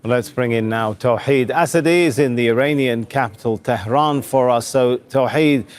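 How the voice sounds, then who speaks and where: A man's voice: mid-range voice, moderate pace. A male news anchor delivers scripted news. His voice sits in the middle range for a man, and he speaks in the structured way of a bulletin presenter.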